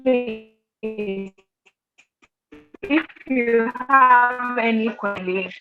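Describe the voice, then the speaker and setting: A moderator's voice comes through muffled and dull, as if heard through a wall on a video call. The speech is very slow and halting. A faint plucked guitar sits low in the background.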